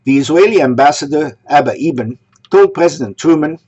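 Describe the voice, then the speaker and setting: A man from Egypt delivering a sermon, posing rhetorical questions in a measured way. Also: fairly high pitch, animated, darkish tone. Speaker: synagogue speaker. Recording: dull lo-fi recording.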